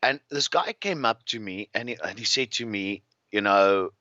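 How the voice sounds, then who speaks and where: South African guest, forceful bright voice, rambling restless storyteller, slightly dull dry recording. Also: male voice, on the low side, animated, normal speed, no echo. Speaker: guest, farmer. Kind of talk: casual interview storytelling.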